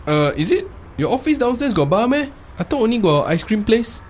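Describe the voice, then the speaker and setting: A man plays an exasperated Singaporean passenger in a comedy sketch. His Singlish is very high and swoops animatedly, with noticeable vehicle noise behind. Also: very animated, a little fast. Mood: sceptical. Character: exasperated, sceptical male passenger friend of a drunk. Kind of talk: comedy podcast sketch acting.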